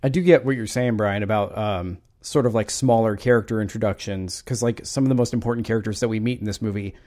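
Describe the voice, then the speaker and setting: A man in a casual film discussion, speaking in a measured, hedging way with many fillers. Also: lowish voice, steady tone, darkish tone.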